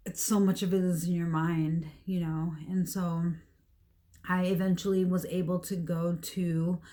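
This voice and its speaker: A woman in her thirties from Hawaii sharing her personal testimony in an earnest, halting, reflective way. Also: fairly low pitch, warm tone. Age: 30s.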